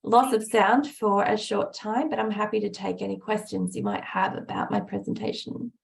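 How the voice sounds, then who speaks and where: Woman presenter, raspy hoarse voice, gravelly, measured talk over a video call. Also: mid-range voice, fairly even intonation. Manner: measured, with many fillers. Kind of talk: conference presentation.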